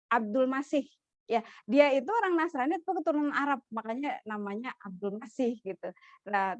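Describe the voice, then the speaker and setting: A woman's voice: on the high side, dry recording, muffled recording. A woman casually retelling a religious story, chatty, with many fillers and frequent laughs.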